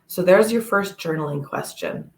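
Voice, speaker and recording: Gravelly, low-voiced woman giving a reading. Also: lively intonation, echoey room. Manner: gentle, measured, with fillers and pauses. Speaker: toe reader. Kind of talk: one-on-one reading to camera.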